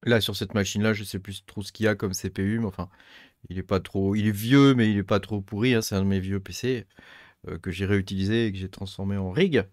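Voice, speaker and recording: A man, middle-aged, hosting a casual tech tutorial, thinking aloud and filling pauses with many hesitations. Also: lowish voice, steady tone, darkish tone, no room sound, clean studio sound. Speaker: tech channel host. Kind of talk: casual screen-recorded tutorial.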